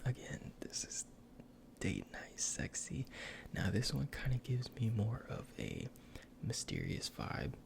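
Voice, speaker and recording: Slow, creaky man in whispered role-play. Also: fairly low pitch, huge pitch swings. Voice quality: breathy whisper with gravelly creak. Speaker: ASMR performer playing a cologne salesman.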